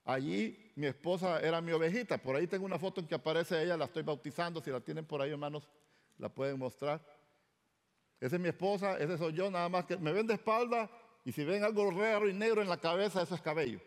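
A man's voice: fairly high pitch, fast. A middle-aged male pastor, telling his conversion story in a sermon and acting out the dialogue. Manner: storytelling, animated, acts out quoted dialogue. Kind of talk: sermon testimony. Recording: long hall reverb.

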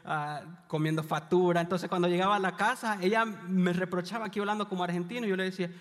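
Male pastor from El Salvador, high register; chatty, confiding sermon delivery; long hall reverb. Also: fairly even intonation, quick pace. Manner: conversational, confiding, with light humor. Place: church hall.

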